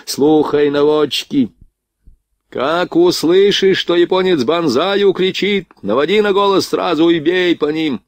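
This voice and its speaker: A man voicing a gruff male artillery sergeant who shouts orders in an audiobook. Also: lowish voice, normal speed, few pauses, no room sound. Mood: commanding. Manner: shouted commands. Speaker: artillery gun commander.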